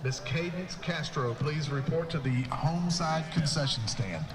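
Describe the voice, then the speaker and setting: A man's voice comes over a stadium PA loudspeaker, ringing with echo and heard from across the field. He pages people in a slow, measured, formal way, with a loud crowd all around. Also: on the high side. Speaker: stadium PA announcer. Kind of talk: formal public announcements. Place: outdoor football stadium. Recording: echoey distant loudspeaker, crowd behind.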